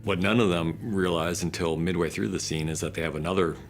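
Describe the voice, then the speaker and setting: A man's voice: deep voice, fairly even intonation, a little fast. A man giving behind-the-scenes interview commentary on a drama series. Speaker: series creator commenting on episode.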